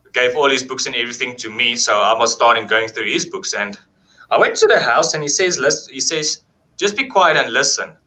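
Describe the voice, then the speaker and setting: Bright-voiced man telling a ghost story. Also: medium pitch, low-quality recording. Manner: animated, acts out quoted dialogue, swears freely. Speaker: paranormal investigator telling a story. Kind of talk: casual storytelling.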